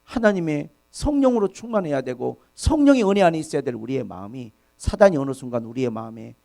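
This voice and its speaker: A man's voice: medium pitch, expressive, fast, creaky, warm tone. A male pastor preaching a Sunday sermon at a church service. He speaks earnestly and with emphasis, addresses the congregation directly and repeats key words.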